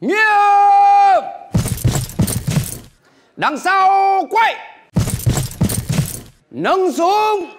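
Stage comedy drill sergeant: high, shouted firing-squad commands, barked and clipped. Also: male voice, animated, extremely slow, pauses often, heavy background noise, heavily acted. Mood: commanding.

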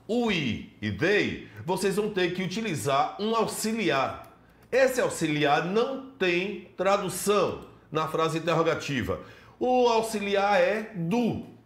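A man's voice: high-pitched, fairly bright tone. A man teaching an English lesson in Portuguese with a Brazilian accent, explaining step by step and greeting students by name. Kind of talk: televised classroom lesson.

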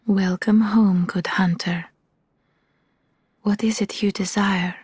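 A woman voicing a gentle living doll in a video game, a talking doll speaking slowly, formally and softly in a breathy whisper. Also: medium pitch, fairly even intonation. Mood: serene, tender. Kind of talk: video game character dialogue.

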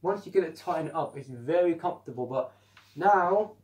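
A man chatting excitedly through a helmet mask, reviewing the helmet in a casual vlog. He talks indoors at home. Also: fairly high pitch, moderate pace, slight background noise. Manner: chatty and excitable, with frequent restarts. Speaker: product reviewer.

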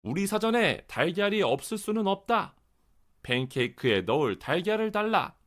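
A man voicing indignant, demanding storybook villagers in declamatory, clearly enunciated speech. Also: high-pitched, very animated, moderate pace, a bit bright.

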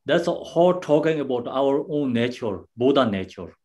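Male Buddhist teacher, dharma teaching; unhurried, halting delivery with frequent pauses, simple non-native English phrasing, medium pitch. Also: lively intonation, a little mellow. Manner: halting, unhurried explaining with many pauses and restarts.

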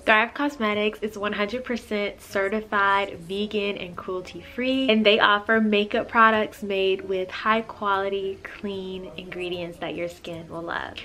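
A young woman with a soft lilt talks straight to the camera in a bright living room, upbeat and chatty. Her voice is at an everyday middle pitch, and she sounds close to the mic. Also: steady tone, unhurried, few pauses. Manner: upbeat, chatty, addresses viewers as y'all. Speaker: lifestyle vlogger. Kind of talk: casual vlog talk to camera.

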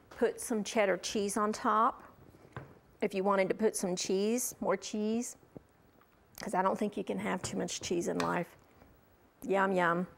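A woman's voice: medium pitch, a bit bright. A middle-aged woman hosting a cooking show, gushing enthusiastically over the food she demonstrates.

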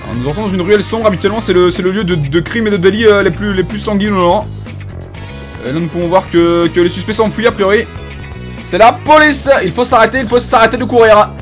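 A man putting on a self-important police inspector for a comedic video game commentary, speaking French-accented with a high-pitched voice. He lectures in a mock-solemn, officious tone, stumbling over hesitant fillers. Faint game music sits in the background. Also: fast talker, close to an everyday voice. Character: pompous bumbling male police inspector. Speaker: gaming YouTuber.

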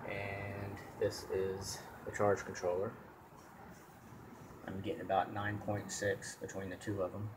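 A man's voice: on the low side, completely flat delivery, a little slow, background noise. A man filming his own equipment test with a handheld camera, talking plainly and rambling with fillers and restarts. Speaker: solar hobbyist vlogger. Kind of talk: casual off-the-cuff demo.

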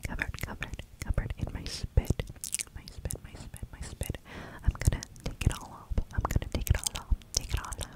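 Young woman whispering tingly, repetitive ASMR. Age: young adult. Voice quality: breathy, unvoiced whisper. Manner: slow, tingly repetition of words close to the mic. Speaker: ASMR creator. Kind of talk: whispered ASMR role-play with personal attention. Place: small bedroom, indoors. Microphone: close studio mic with fluffy windscreen.

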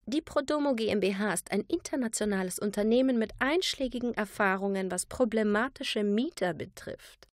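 A woman's voice: medium pitch, sing-song, a little mellow, breathy edge, no echo, studio quality, pitched above the performer's own voice. A woman voicing a cold, haughty businesswoman who draws out her words condescendingly. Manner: drawn-out, condescending.

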